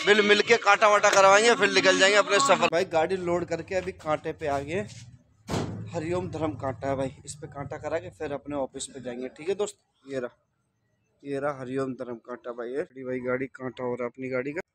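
Filming himself on his phone at arm's length, this thirties-aged trucker narrates a casual travel vlog outdoors among trucks, roads and highway stops. He speaks fairly quickly in a high, sharp voice with fairly even intonation, chatting away and repeatedly addressing viewers as "brother" and "friends," all over noisy outdoor sound.

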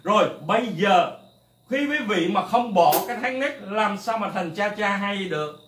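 A man teaching a drum lesson, lecturing bluntly and rambling, counting beats out loud. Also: high voice, lively intonation, normal speed, a little hiss or hum. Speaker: music teacher. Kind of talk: drum lesson, talking to camera. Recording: echoey room, mic at a distance. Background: faint drums and music.

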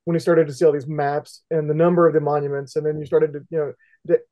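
Middle-aged male host from Indiana, very dark mellow tone, rambling and halting, dull call audio. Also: a little high, level tone. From West Central Indiana. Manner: rambling, hesitant, many fillers. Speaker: podcast co-host. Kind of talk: casual interview. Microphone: video call with headset.

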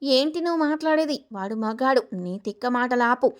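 Lady voicing a nasty old granny in a story, grumbly and scolding, fairly high voice. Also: lively intonation, normal speed, smooth. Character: harsh scolding grandmother in her nineties.

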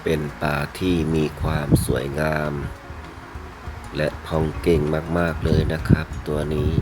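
Man, very low voice, flat intonation, polite seller's video narration, short halting phrases, music behind. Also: poor audio. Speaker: fish seller presenting betta fish for sale. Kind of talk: unhurried sales video narration.

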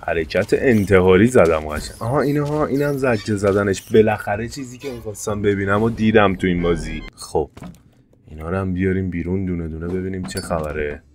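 A man commentating his gameplay casually, excitable, jumping to sudden high-pitched yelps. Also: faint music behind. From Iran. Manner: excitable, jumps to high-pitched yelps when fires start. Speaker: gameplay streamer. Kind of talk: casual let's-play commentary.

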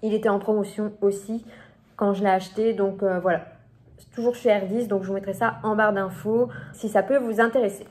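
Young female vlogger, casual haul chat, hesitant and filler-heavy, mid-pitched. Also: steady tone, brisk, darkish tone, slight background noise. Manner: chatty, hesitant, lots of fillers and restarts. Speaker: beauty vlogger.

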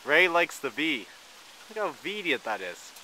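A young man, a house painter and vlogger, walks around a wooden deck and yard chatting casually to a camera at arm's length, full of rambling and jokes. His voice is a little high, very animated and sharp at a measured pace, on a low-quality recording with a little hiss or hum.

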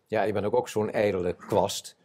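A man in his seventies, an eyewitness telling his war memories in an interview before an audience, animated and acting out the voices of others. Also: fairly low pitch, moderate pace. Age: 70s. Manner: animated storyteller, acts out quoted voices. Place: stage before a live audience.

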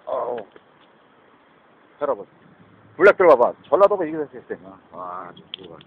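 This man's mid-range, slightly rough voice swings widely in pitch as he rambles to his viewers at an ordinary pace. English words keep slipping into his Korean, along with a frequent questioning "eh?". Faint noise sits under the tinny, phone-like sound.

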